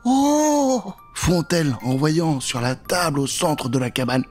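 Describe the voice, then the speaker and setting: Here a middle-aged man at medium pitch and normal speed acts out a scary story for kids with dramatic suspense. Music plays behind him as he speaks close into a studio mic fitted with a pop filter, inside a small indoor recording set.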